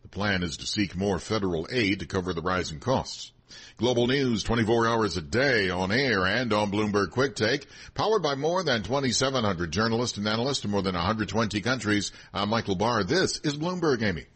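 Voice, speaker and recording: A man's voice: fairly low pitch, expressive, a little fast, a bit bright, breathy edge. A man anchoring the news, reading a scripted radio bulletin.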